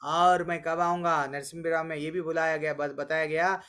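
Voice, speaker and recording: A man teaching a scripture class online, telling stories and slowly chanting verses. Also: fairly high pitch, fairly even intonation, a bit bright. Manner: storytelling, voices quotes of deities and sages. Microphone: online call.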